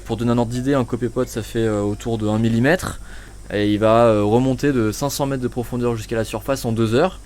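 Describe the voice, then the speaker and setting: A man's voice: medium pitch, fairly even intonation, a little fast, a little mellow. A man scientist explaining plankton migration with many hesitations.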